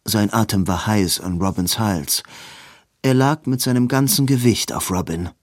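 A man reading a novel aloud as an audiobook narrator, in a slow, even reading. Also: on the low side, no echo, studio quality. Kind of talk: scripted narration.

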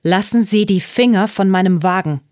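A woman's voice: mid-range voice, normal speed, darkish tone, no room sound, studio quality, natural voice. A woman voicing a stern grown woman who gives firm, angry orders in an audiobook. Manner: firm, commanding, trembling with anger. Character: stern adult woman homeowner, commanding. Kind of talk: audiobook character voice.

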